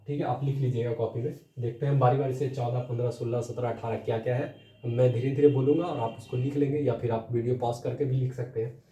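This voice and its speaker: Young male tutor, patient and repetitive, dark mellow tone, echoey room sound. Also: medium pitch. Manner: explanatory, many fillers and tag questions. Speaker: teacher. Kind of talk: exam-prep lecture. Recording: echoey room, voice distant from mic.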